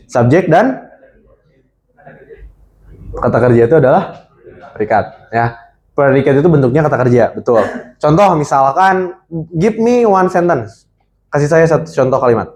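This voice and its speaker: Lively young man teaching a seminar. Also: fairly high pitch, moderate pace, pauses often. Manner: lively, keeps quizzing the audience. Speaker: seminar speaker. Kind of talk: interactive classroom teaching. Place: college seminar room. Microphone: handheld microphone.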